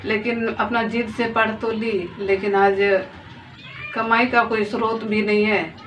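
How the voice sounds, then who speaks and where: This mother of two daughters, a woman in her thirties, speaks to camera in a mid-range, level, slightly bright voice at a measured pace. Telling her story as emotional personal testimony, she pleads earnestly and repeats phrases; the audio is distant, dull lo-fi phone sound with faint noise.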